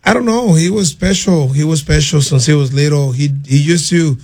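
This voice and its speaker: A middle-aged man from Venezuela, answering interview questions haltingly and earnestly as a player's father. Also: on the high side, a little mellow. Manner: halting, repeats words, earnest.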